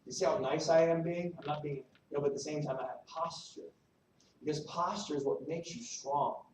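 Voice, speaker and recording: A man giving a live recruiting training talk to his team, animated and salesy, joking with the audience. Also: a little high, brisk, noisy background. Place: meeting room at a regional event. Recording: echoey room from a distance, faint ambience.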